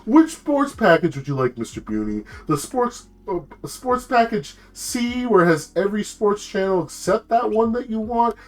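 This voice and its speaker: A man's voice: high-pitched, big pitch swings, moderate pace, hardly any pauses, voice pushed up. A man voicing a snarky, scheming male cartoon turtle working as a phone operator, drawing out his words smugly. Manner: smug, sing-song, drawn out.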